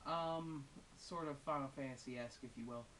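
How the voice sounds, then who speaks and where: Speaking at a normal pace in a mid-range, slightly bright voice, a female-sounding reviewer gives loose, off-the-cuff opinions on games. Her tone is conversational, dotted with wry asides, and the audio is hissy from a far-off mic.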